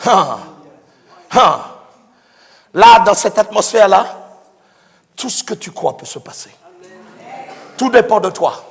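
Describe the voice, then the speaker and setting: A male pastor preaching a sermon fervently, swinging from hushed tones to shouts. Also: high-pitched, expressive, slow, gravelly, long pauses. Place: church. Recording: echoey church hall with congregation.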